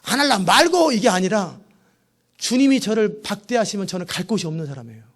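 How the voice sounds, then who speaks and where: A middle-aged man preaching a sermon, emphatic, swinging from hushed prayerful tones to loud scolding of his listeners. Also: high-pitched, very animated, brisk. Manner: scolds inattentive listeners directly. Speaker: pastor.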